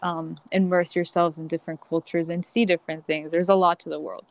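A woman's voice: fairly low pitch, little pitch movement, a little fast, gravelly, no echo. A young woman from Colombia, a podcast guest chatting casually and laughing easily with many fillers. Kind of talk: casual interview.

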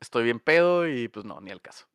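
A man's voice: medium pitch, expressive, fairly quick, fairly bright tone, clean tone, no echo. A man voicing a tipsy, evasive old male teacher who keeps saying no, with a Mexican accent. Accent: Mexican Spanish. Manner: evasive, repeats no.

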